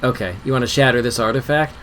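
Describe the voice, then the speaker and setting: A man runs a tabletop game as game master, narrating at an easy pace with lots of pauses and fillers. His voice sits at a middle pitch, and a faint hum runs underneath. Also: poor audio. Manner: relaxed, hesitant narration full of fillers.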